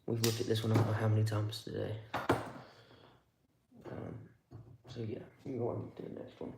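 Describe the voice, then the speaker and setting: A man's voice: lowish voice, completely flat delivery, moderate pace, creaky, echoey room, noisy background. A man streaming live, giving casual, rambling commentary with wry remarks as he handles tools.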